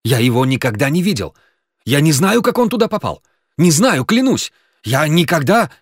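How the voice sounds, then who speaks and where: A man reading an audiobook, voicing a frantic young man who swears he is innocent, his voice high and loud with fear. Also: very animated, normal speed, no room sound, studio quality. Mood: panicked. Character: panicky young man, accused, pleading.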